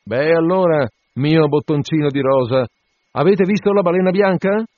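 Stubb, a man doing a loud mocking sailor. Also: medium pitch, lively intonation, normal speed, dry recording, close to an everyday voice. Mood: mocking, jovial. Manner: loud, teasing, shouted banter. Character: brash jovial sailor mate, loud and mocking. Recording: dull lo-fi dry recording.

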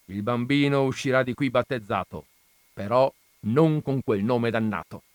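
A man's voice: mid-range voice, moderate pace, no echo, pitched above the performer's own voice, natural voice. Man reading stubborn burly priest Don Camillo. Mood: pleading. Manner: pleading and arguing, wheedling protests. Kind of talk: dramatized audiobook reading.

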